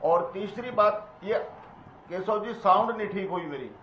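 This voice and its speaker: High-voiced man with a cave echo. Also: a little hiss or hum. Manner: formal, deliberate, lists his points one by one. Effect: heavy cave-like echo and doubling on his remote audio line. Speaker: party panelist in a TV debate. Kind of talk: political panel debate. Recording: echoey, muffled remote audio feed.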